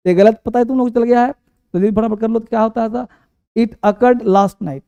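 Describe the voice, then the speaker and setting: A man's voice: extremely high pitch, steady tone, quick pace, warm tone, clear, resonant tone, no room sound, lo-fi sound. A man teaching English spelling for exams, chanting letters over and over and quizzing his students. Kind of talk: exam-prep spelling lesson.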